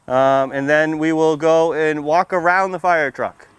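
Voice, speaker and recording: A firefighter in his thirties who works as a fire prevention educator reads and talks to young children at a storytime, plain-spoken and friendly, speaking through a face mask under a canopy on a library lawn. His voice is fairly high and clean, with fairly even intonation and an unhurried delivery.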